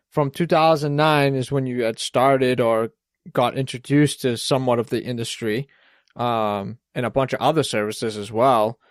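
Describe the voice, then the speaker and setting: Cursing Boston-accented podcast host. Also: male voice, mid-range voice, no echo, clean studio sound. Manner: rambling, swears freely. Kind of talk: casual interview chat.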